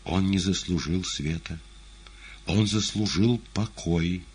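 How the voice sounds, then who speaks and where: An earnest, grieving disciple in an audiobook, bitter and mournful, as a male reader plays him. His low, husky voice carries anger and pleading. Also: sing-song, unhurried, full character voice. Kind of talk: audiobook character reading.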